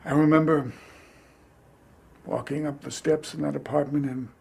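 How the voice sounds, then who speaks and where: An actor playing a gentle middle-aged father who talks in a soft, sentimental way. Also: a little high, steady tone, moderate pace, gravelly, breathy edge. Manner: softly nostalgic, tender.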